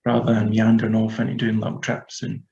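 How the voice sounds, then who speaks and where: A Scottish author in his thirties talks through his writing in a casual interview, hesitant and rambling with many fillers. His low-side voice is creaky and a little mellow, completely flat and quick, captured in dull lo-fi audio.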